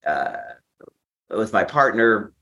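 On the low side and sing-song, his voice is pushed and bright, and he takes his time. The man is a memoir author guesting in an interview, candidly and theatrically recounting a personal story and performing the quotes within it.

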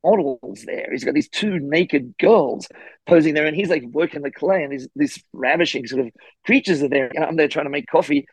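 Husky Australian man telling stories. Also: a little high, moderate pace, no echo. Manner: animated, acts out quoted voices. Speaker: guest, historian and author. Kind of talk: casual anecdotal storytelling.

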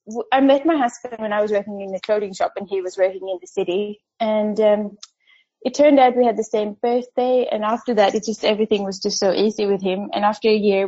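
A woman around thirty talks easily as a podcast guest. Her voice is warm and mellow, with frequent small laughs and hesitant ums. The recording sounds a little dull and lo-fi. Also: mid-range voice. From Sweden. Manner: chatty, laughs often, many ums. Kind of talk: casual interview chat.

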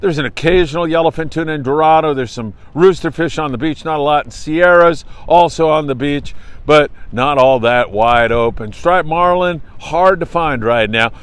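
A man's voice: a little high, moderate pace, clean tone, dry recording. An American man hosting an outdoor morning briefing in an upbeat, hearty, folksy and emphatic manner, like a travel show host. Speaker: host of a fishing report show. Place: outdoors on a windy beach.

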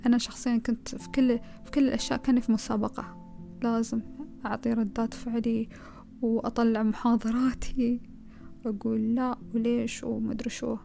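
A woman's voice: a little high, flat delivery, a little fast, gravelly, mellow, faint music behind. A woman with a Gulf Arabic accent giving a conversational self-help talk, advising the listener and piling up rhetorical questions.

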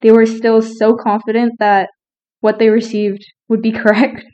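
A young woman co-hosts a casual podcast, teasing her partner and laughing easily. She talks through a retainer, and her fairly high voice sits on a dull, lo-fi recording. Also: level tone, normal speed, warm tone. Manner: playful, teasing, laughs often. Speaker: podcast co-host.

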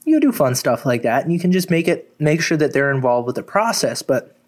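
A man's voice: a little high, big pitch swings, a little fast. A man, a fitness coach, giving casual advice in a chatty way, full of fillers and casual swearing. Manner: chatty, lots of "like" and "you know", swears casually.

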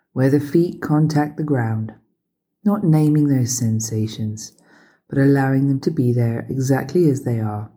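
A woman leads a calm grounding exercise as a meditation guide, speaking gently and unhurriedly with pauses in a husky, breathy voice. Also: low voice.

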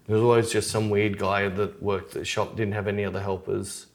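A man's voice: lowish voice, level tone, fairly quick. A man co-hosting a podcast, chatting casually and telling rambling, opinionated stories. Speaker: podcast co-host. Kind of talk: casual chat.

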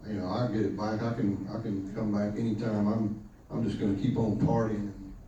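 A man giving a halting personal testimony at church, heard through a low quality stream of the recording. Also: little pitch movement, dark tone, heavy reverb, distant mic, muffled recording, slight background noise. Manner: halting, many fillers and restarts. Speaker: podcast host giving testimony.

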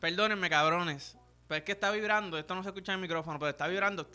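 A man's voice: sits high, racing, pushed and bright, clear, resonant tone. Crude puerto rican guy rambling, music behind. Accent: Puerto Rican Spanish. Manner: rambling, vulgar, joking. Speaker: podcast host. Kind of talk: crude casual monologue. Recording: music playing in background.

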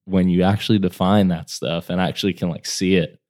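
Low-voiced laid-back ballplayer guest. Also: male voice, steady tone, fairly quick, darkish tone. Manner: loose, filler-heavy, laughs at his own stories. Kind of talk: casual podcast conversation.

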